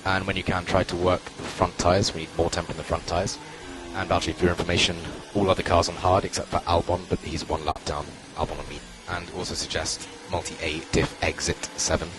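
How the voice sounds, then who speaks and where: A man working as a race engineer on team radio, giving calm, clipped spotter-style instructions and repeating key calls. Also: low-pitched, brisk, noisy background. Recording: radio transmission with loud music behind.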